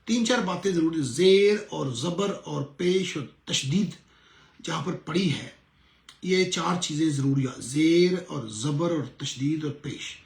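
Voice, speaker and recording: A middle-aged man, a pastor, teaching a lesson in an earnest sermon style and slowly repeating words to show how they are pronounced. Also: on the high side, vocal fry, reverberant.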